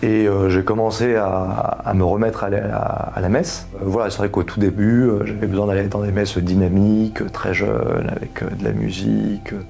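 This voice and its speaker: A man in his thirties with a low, gravelly voice and a dark, mellow tone. He talks in an earnest, explanatory way and reaches for everyday comparisons. Soft music plays behind him. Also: flat delivery, moderate pace, hardly any pauses. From France. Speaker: husband giving a faith testimony. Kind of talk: casual personal testimony.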